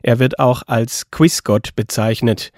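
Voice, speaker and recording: A man reading a scripted documentary voice-over in an even, informative tone. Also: mid-range voice, a little slow, dry recording, studio quality. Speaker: documentary narrator.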